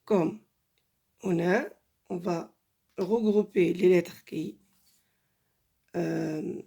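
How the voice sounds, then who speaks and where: A woman teaching Arabic letters, saying each sound three times and explaining patiently with many pauses and fillers. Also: on the low side, fairly even intonation, vocal fry, mellow, slightly rough. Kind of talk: slow spoken lesson, drilling letter sounds.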